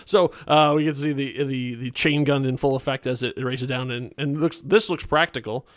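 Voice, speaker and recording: A man co-hosting a podcast, chatting casually about a movie, animated and quick to laugh, with lots of restarts. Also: mid-range voice, no room sound, clean studio sound. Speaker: podcast co-host. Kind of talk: casual film-discussion chat.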